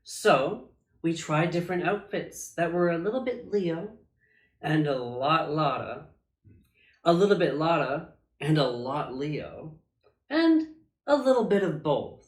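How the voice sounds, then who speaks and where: A man reading a children's picture book aloud as a drag storytime reader, with theatrical, emphatic phrasing and dramatic pauses. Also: on the high side, expressive. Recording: echoey room.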